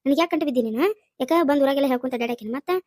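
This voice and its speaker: A woman's voice: high-pitched, racing, darkish tone, no echo, clean studio sound, natural voice. A woman doing a cranky deaf old granny. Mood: grumbling. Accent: North Karnataka Kannada. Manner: scolding, rambling, insists she is not deaf. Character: cranky hard-of-hearing old grandmother. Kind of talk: cartoon comedy voice acting.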